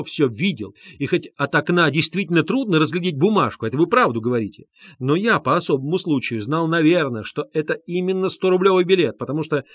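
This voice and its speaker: Guy reading does a fired-up earnest young man, high and loud, keeps repeating himself, dry close sound. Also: slightly rough, dry recording. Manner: heated, insistent, repeating himself. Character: excitable indignant young man, earnest witness.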